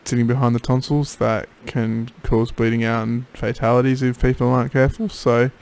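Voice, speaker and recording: Tired man with a creaky voice. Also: little pitch movement, brisk, a little mellow. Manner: tired, low-energy. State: tired and drowsy after throat surgery. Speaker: patient keeping a recovery video diary. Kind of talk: casual video diary. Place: home office.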